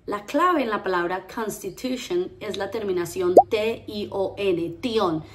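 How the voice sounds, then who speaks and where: A woman teaching a pronunciation lesson, lively, drilling words slowly and repeating them. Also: mid-range voice, heavy background noise. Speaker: English teacher.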